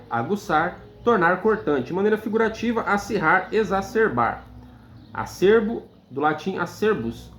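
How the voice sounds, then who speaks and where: A man's voice: sits high, fairly bright tone. Brazilian guy reading out word meanings one by one, roomy echo, faint hiss behind. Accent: Brazilian Portuguese. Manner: measured, list-like reading with filler "é" hesitations. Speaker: teacher reading dictionary entries. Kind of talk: reading definitions aloud. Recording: echoey room, faint background noise.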